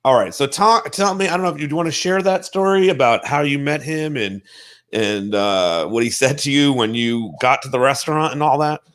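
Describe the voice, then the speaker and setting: A man's voice: mid-range voice, fairly quick, fairly bright tone. A man hosting a casual interview, enthusiastic and swearing freely as he talks. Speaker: talk show host.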